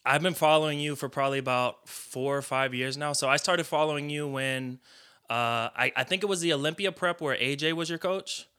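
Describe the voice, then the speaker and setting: A man hosting a podcast with a bright, crisp voice. He asks questions loosely and chattily, with lots of filler words. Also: fairly high pitch, fairly even intonation, a little fast. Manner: casual, leans on filler "like". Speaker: podcast host. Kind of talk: casual interview.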